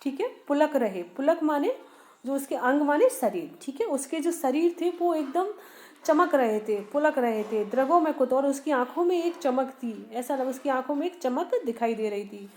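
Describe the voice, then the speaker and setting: High-voiced woman teacher explaining a poem. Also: lively intonation, moderate pace, a little mellow. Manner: asks students questions and answers them herself; repeats and rephrases lines with small restarts. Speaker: Hindi teacher. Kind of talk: poem explanation lesson for students.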